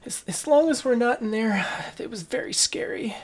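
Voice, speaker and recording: A man's voice: very high voice, expressive, normal speed, background noise, voice pushed up. A man voicing a frightened small child, shy, hesitant and trusting, in a tabletop game. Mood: scared. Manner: timid, hesitant.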